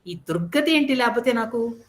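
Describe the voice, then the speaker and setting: A woman's voice: on the high side, animated, normal speed, lightly acted. A woman storyteller voicing a grieving queen mother who laments and reproaches her husband.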